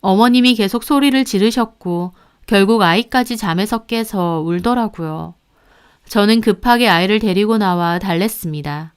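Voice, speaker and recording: Clear-voiced woman narrating a story. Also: mid-range voice, moderate pace. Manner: confiding, first-person storytelling.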